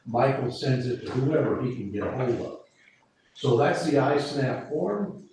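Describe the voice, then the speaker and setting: In a meeting room, a volunteer for emergency preparedness explains radio procedures to a committee in an animated, slightly slow, dark-toned mid-range voice, rambling and restarting as he goes. The audio is echoey, distant and faintly hissy.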